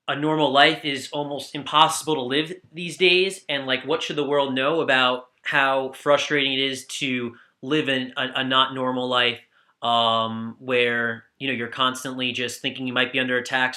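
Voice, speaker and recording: A man's voice: mid-range voice, sharp tone. A man hosting a casual interview, asking long rambling questions full of "like". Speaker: host.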